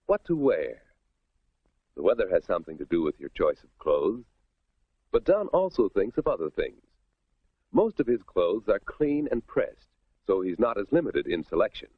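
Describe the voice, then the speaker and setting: Male 1950s film narrator, American, folksy instructor, animated and a bit rough, tinny vintage soundtrack. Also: on the low side, moderate pace, no echo. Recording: thin, band-limited vintage film soundtrack.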